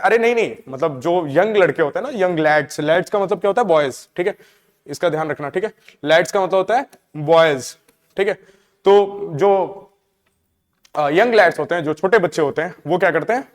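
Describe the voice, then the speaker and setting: A male teacher with a fairly high voice explains a text line by line. He reads each English line slowly and then explains it, checking in often with his class. A long reverb trails behind him. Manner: frequent checking fillers.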